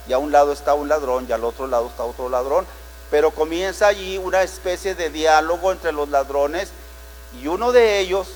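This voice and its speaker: A man's voice: high voice, long reverb tail, slight background noise, poor audio. A man with a Mexican Spanish accent preaching a sermon as pastor, telling the story dramatically and asking rhetorical questions.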